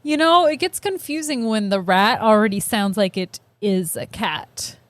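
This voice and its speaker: A young woman co-hosting a podcast, playful and giggly, tossing in quick jokes. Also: mid-range voice, no room sound. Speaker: podcast co-host. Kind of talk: casual comedic chat.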